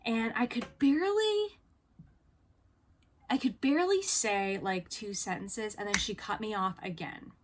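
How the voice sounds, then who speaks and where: A woman talks straight to the camera in a relaxed vlog, recounting an awkward encounter. She rambles a little with plenty of fillers, and she slips into the voices of the people she quotes. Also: on the high side, unhurried, noisy background. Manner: chatty, many fillers, acts out quoted dialogue. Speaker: vlogger on living with BPD. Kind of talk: casual storytelling monologue.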